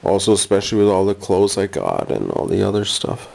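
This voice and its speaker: A man's voice: low-pitched, sing-song, a little fast, vocal fry, a little mellow. A jet-lagged man rambling casually through a haul vlog at home, easily sidetracked. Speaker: vlogger. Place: bedroom at home.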